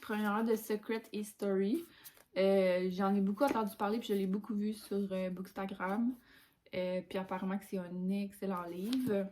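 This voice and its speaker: A woman's voice: medium pitch, steady tone, normal speed, a little mellow, a little hiss or hum. Chatty young woman with a Québécois accent. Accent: Québécois French. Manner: chatty and informal, with colloquial phrasing. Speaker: book vlogger. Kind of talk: casual chat about books.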